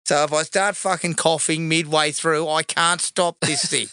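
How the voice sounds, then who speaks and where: Animated man with a cold. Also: a little high, moderate pace, clean tone, no room sound. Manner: animated, swearing, jokey. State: recovering from a cold. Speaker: podcast co-host. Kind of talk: casual movie commentary.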